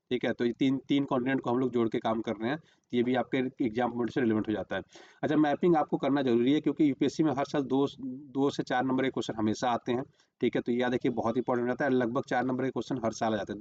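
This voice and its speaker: A man's voice: medium pitch, a little mellow, muffled recording. A man teaching a current-affairs lesson for exam prep, repeating "remember" and "okay" while marking a map on screen.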